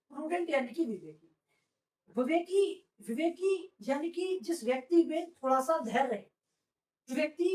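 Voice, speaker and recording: A woman's voice: high-pitched, recorded from a distance. A woman teaching vocabulary to a class, repeating words as drills and asking rhetorical questions. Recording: echoey room, voice off-mic.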